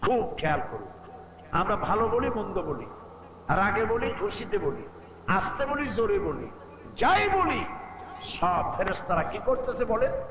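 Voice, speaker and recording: A man delivers a sermon in a high, measured voice, asking his listeners questions and breaking into slow chanted verses. The recording rings with echo and carries steady background noise from the gathering. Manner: rhetorical questions to the crowd, chants Quran verses. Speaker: Islamic preacher. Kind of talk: Bengali waz sermon.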